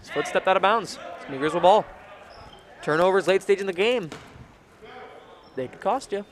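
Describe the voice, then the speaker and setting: A young man doing play-by-play commentary for a high school basketball game in a school gym, getting excited during fast plays. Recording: noisy gym recording.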